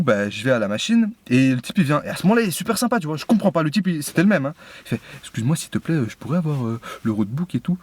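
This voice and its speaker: Fast-talking young man telling a story. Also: medium pitch. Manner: slangy, indignant storytelling with many fillers. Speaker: YouTuber. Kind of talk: casual story time.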